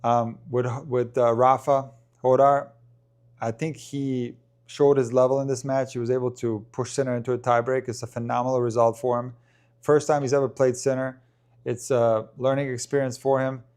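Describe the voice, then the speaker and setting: A man's voice: medium pitch, little pitch movement, normal speed, darkish tone, smooth. A man hosting a casual tennis live stream who talks loosely with many ums and restarts while answering viewer questions.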